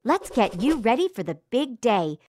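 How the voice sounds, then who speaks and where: A woman's voice: a little high, sing-song, normal speed, noisy background. A woman voicing a perky, encouraging narrator for a children's makeover game, in an exclamatory, sing-song way. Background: music.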